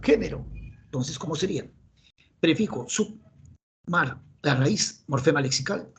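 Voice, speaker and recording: A man's voice: fairly high pitch, lively intonation, a little slow, slightly rough. A man with a Peruvian Spanish accent teaching a grammar lesson, asking himself questions and answering them in students' voices. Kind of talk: classroom grammar lecture.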